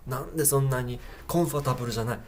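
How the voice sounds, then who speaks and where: With a mid-range voice and a darkish tone, a Japanese English teacher at a university works through a pronunciation lesson. Phrases in English are repeated slowly and explained in a relaxed, casual manner.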